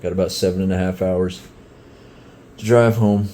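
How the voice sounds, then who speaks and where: A man's voice: sits low, steady tone, moderate pace, warm tone, slight background noise. A middle-aged man chatting casually in a vlog about his hike, talking laid-back with many fillers. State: out of breath. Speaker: hiker and vlogger. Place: outdoors on a trail.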